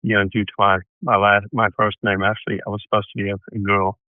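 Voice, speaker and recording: A South African tennis coach, appearing as a podcast guest, rambles through long stories about how he got into the sport, full of restarts and asides. His voice sits on the low side, with a flat, fast delivery. The casual interview answers come over a tinny, phone-like line with no room sound.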